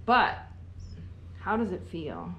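A middle-aged woman with a lowish, pushed, bright voice and huge pitch swings talks slowly and eagerly as she works at a fleece-skirting table in a barn. She's a sheep farmer who sells fleece, filmed on a tripod camera a few feet away amid echo, faint ambience, and slight background noise.

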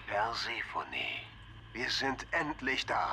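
A smooth male ally in a video game who speaks over a radio and urges the listener on. The transmission sounds distant and carries clear hiss. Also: mid-range voice, lively intonation, slow pace. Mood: urgent. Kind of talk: German video game dub.

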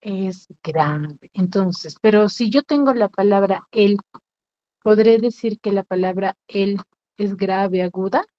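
A woman's voice: mid-range voice, slow pace, no room sound. Woman teacher, online class, patient and questioning, dull lo-fi call audio, dry. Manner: patient, repeats questions to students. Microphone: video call.

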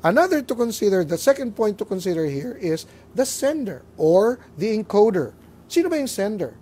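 Animated Filipino lay preacher. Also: male voice, sits high, normal speed. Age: middle-aged. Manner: animated storytelling, acting out voices, mixing English phrases.

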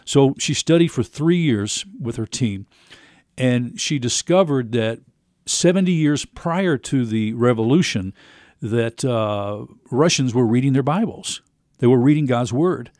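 Male show host, mid-pitch, asks questions steadily, dry close mic. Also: a little slow, no room sound. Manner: steady, recaps at length with fillers. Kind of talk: interview questions and commentary.

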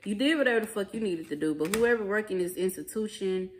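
Lively in intonation and quick in pace, a woman with a mid-range voice does a casual tarot reading at a table in her small living room. She talks in a blunt, profane, emphatic way full of slang. Card clicks come through on the clearly noisy home recording.

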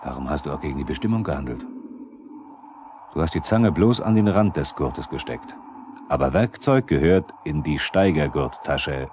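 In a 1970s East German radio drama, a male narrator with an extremely deep, slightly mellow voice addresses the characters directly in a probing way, animated and at normal speed. The recording comes from a noisy old vinyl record, adding light noise.

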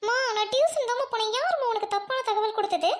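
A performer plays a young cartoon daughter pleading with her father. Her very high voice whines in quick bursts. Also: lively intonation, heavy background noise. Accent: Tamil Nadu. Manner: whining, pleading.

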